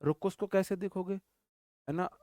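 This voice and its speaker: Male teacher, fairly high voice, dry close recording, animated classroom lecture, repeats words, quick rhetorical questions. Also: no room sound. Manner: jokey memory tricks, calls listeners brother. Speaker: English vocabulary teacher.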